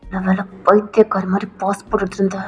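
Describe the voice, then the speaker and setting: A woman voicing a calm young man who scolds and explains to his friend, with a lowered voice and music behind. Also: quick pace, close to an everyday voice. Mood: scolding. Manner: low, chiding, steady.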